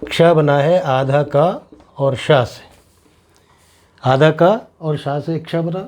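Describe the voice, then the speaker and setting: A man with a slightly higher voice teaches a classroom lesson. He sounds out syllables slowly and deliberately, repeating each one to show how it is made. He explains patiently and checks whether his students have understood. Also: steady tone, a little mellow. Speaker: Hindi teacher.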